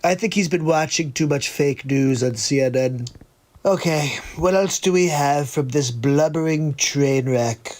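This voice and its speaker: A man hosting a live comedy stream mocks the clips he plays, dropping sarcastic, incredulous asides between them. His voice is somewhat high, a little slow, and slightly mellow.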